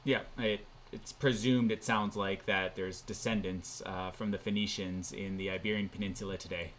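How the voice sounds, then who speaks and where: A podcast host interviewing a guest, asking unhurried questions with fillers. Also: deep voice, steady tone, a little hiss or hum.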